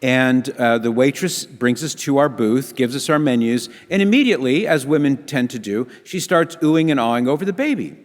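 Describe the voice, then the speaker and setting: A man's voice: mid-range voice, animated, moderate pace, hardly any pauses. A man giving a humorous storytelling talk at a conference, acting out the voices of the people he quotes. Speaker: conference speaker. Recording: long hall reverb.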